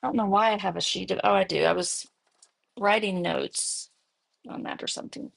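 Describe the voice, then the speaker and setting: A woman's voice: medium pitch, steady tone, normal speed, creaky, a bit bright, no echo. A woman with a Texas accent hosting a casual card-making demo, chatting and thinking aloud as she works. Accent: Texan. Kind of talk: casual live crafting demo.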